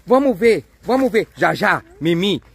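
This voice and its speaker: A young father, filming his kids at play outdoors and narrating in an excitable, coaxing way. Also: high-pitched, a little slow, vocal fry, husky, no room sound. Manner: excitable, coaxing, cheers and exclaims often. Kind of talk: playful family vlog narration. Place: outdoors on a street and yard.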